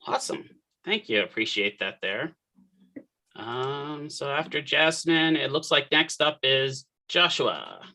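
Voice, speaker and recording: This is a man leading a student orientation over a video call. His voice is bright and ringing, and he keeps things moving with short, upbeat thanks. His pitch sits in a middle range. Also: big pitch swings, slow. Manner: upbeat, brief thank-yous between speakers. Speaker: program instructor hosting orientation. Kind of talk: casual meeting facilitation.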